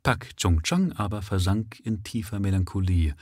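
A man reading a story aloud live, sight-reading it in a plain, steady storytelling manner. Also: on the low side, normal speed, husky, dry recording, studio quality. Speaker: reader of a story. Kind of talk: live audiobook reading, read at first sight.

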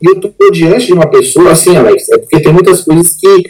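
A man, a pastor giving an emotional personal testimony as a podcast guest, earnest and halting, often repeating words. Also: a little high, music in the background, rough recording.

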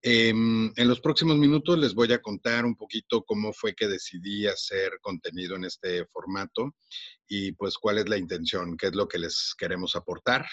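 A Mexican podcast host in his forties, speaking with a Mexican accent, tells his own story in a warm, unhurried, casual way full of fillers and restarts. His voice is on the low side, and the lo-fi sound has no echo.

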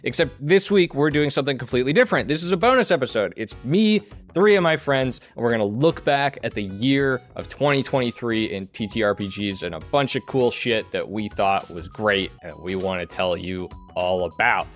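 A man's voice: lowish voice, normal speed, hardly any pauses, soft background music. A man hosting a podcast in an informal, enthusiastic, chatty way. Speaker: podcast host. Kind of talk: casual hosting chat.

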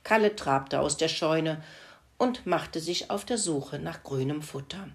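A woman reading a children's farmyard story aloud in a gentle, expressive way. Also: deep voice, unhurried.

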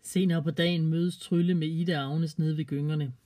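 A storyteller narrating a children's story in a calm, gently expressive way. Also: mid-range voice.

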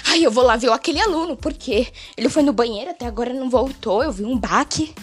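A woman's voice: sits high, fast talker, husky, faint music behind. Woman playing a flustered schoolteacher. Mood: anxious. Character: flustered female schoolteacher, anxious.

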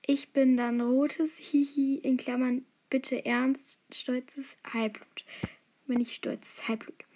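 High-voiced, excitable young woman. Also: slow pace, slight background noise. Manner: excitable, giggly, drops to whispers. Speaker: quiz taker reading aloud. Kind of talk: casual chat, reading a quiz and story aloud.

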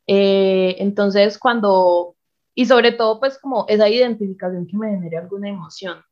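A woman's voice: mid-range voice, normal speed, a little mellow. Slangy Colombian woman, dull lo-fi recording. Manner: informal, slangy, mixing English words into Spanish. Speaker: podcast co-host. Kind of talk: casual, chatty podcast talk.

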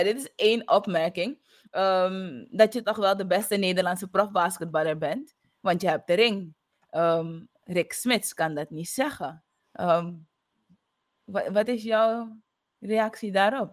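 A woman from the Netherlands hosting a casual interview, reading out viewer questions with relaxed fillers. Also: mid-range voice, unhurried, dry recording. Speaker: interviewer, host.

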